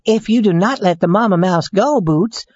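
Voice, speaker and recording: A man voicing a kind, soft-hearted rag doll girl in a storybook, speaking gently, recorded with a dull lo-fi sound. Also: high-pitched, moderate pace, no echo, pitched above the performer's own voice. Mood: gentle.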